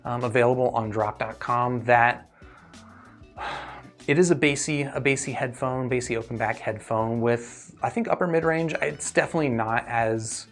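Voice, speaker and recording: With soft music in the background, a man hosts a relaxed livestream where he reviews audio equipment and fields viewer questions. He explains things thoughtfully and with hedges, speaking at normal speed in a mid-range voice.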